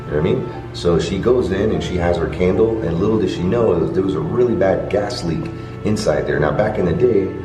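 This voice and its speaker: A man's voice: low voice, brisk. A man hosting a casual walk-and-talk vlog, telling ghost-tour history in a colloquial, rambling way. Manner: colloquial, rambling explanations with frequent "you know". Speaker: vlog host. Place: indoors in a large hotel. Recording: roomy echo with background music. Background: music.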